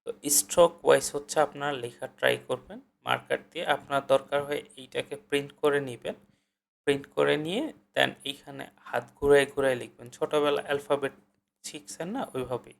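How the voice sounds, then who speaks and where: Gravelly Bangladeshi man teaching step by step. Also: mid-range voice, fairly even intonation, fairly quick. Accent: Bangladeshi Bengali. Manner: explains step by step, repeating syllables aloud. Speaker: language tutor. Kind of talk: screen-share tutorial.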